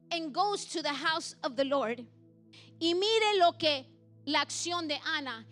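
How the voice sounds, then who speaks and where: A woman's voice: very high-pitched, pushed and bright. A woman pastor delivering a bilingual sermon, earnest and pleading, preaching in Spanish and then repeating each point in English.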